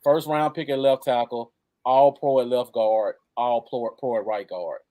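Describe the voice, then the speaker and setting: A man's voice: mid-range voice, fairly even intonation, unhurried, mellow. American man co-hosting a casual sports stream. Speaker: co-host of a football fan livestream. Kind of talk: casual live sports chat.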